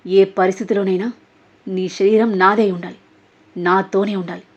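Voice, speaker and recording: A woman's voice: medium pitch, level tone, normal speed, natural voice. A woman voicing an obsessive, hot-tempered young man who talks intensely and demands. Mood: possessive. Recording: dull lo-fi audio.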